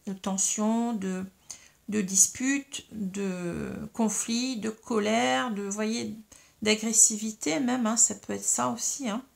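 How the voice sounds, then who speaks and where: A woman reads tarot cards for her audience, slowly explaining each one and padding her talk with fillers. Her voice sits a little high with a strong gravelly fry. She has a slight frog in her throat. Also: steady tone. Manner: explains slowly to viewers, many fillers and "hein". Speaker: tarot reader. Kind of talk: tarot card reading.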